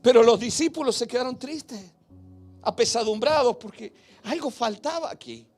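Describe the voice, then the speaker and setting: A man preaching a sermon as pastor, emphatic and questioning, with big swings between loud and hushed. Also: extremely high pitch, normal speed, soft background music.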